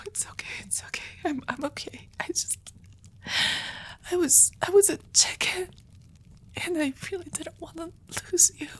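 Slight background noise accompanies this high-voiced woman as she voices a nervous, devoted young vampire girl in an intimate audio roleplay. The character's love confession comes out as a soft, halting whisper.

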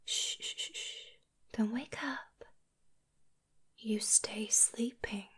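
Slow breathy succubus whisper by a woman, teasing and possessive, close mic. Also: fairly high pitch, steady tone, heavily acted. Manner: soft whispering, hushing. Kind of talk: whispered ASMR roleplay.

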